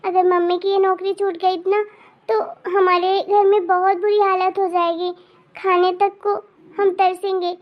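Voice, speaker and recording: A woman voicing a timid young girl, a maid's daughter, in an animated cartoon, speaking softly and pleading. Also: extremely high pitch, unhurried, muffled recording. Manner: timid, soft-spoken, pleading.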